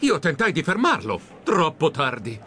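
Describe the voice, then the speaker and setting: A man narrating a children's storybook in a lively, comically flustered way. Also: fairly high pitch, normal speed, soft background music. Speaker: audiobook narrator.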